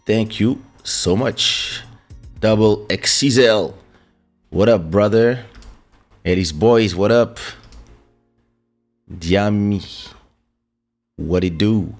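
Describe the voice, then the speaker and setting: A French man who is a musician hosts a casual livestream from his home setup in Portugal, greeting viewers loosely with fillers and restarts. His lowish voice moves extremely slowly with long pauses. Soft music plays behind him, picked up by a studio desk microphone.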